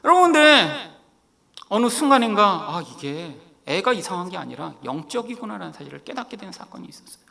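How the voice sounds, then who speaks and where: A middle-aged male pastor from Korea preaching with a high, lively voice that leaps up and down. The tone is bright and forceful with a gravelly edge. He tells his story animatedly and acts out the lines he quotes. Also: a little fast. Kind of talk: sermon with personal storytelling.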